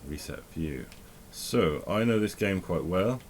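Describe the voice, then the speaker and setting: A man's voice: low-pitched, animated, a little slow, slight background noise. A man giving casual, rambling commentary while playing a game, often correcting himself and thinking aloud. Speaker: tech vlogger.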